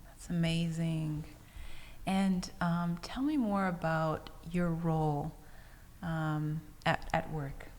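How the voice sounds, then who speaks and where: A woman's voice: sits low, steady tone, slow pace, darkish tone, in a large hall. A woman hosting a podcast, reading an introduction and then asking interview questions with encouraging replies. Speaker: podcast host.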